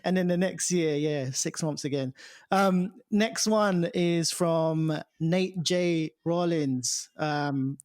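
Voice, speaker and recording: A man from the UK hosting a casual podcast, relaxed as he reads out listener questions. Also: fairly high pitch, slow, dry recording, studio quality. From United Kingdom. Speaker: podcast host. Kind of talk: casual chat.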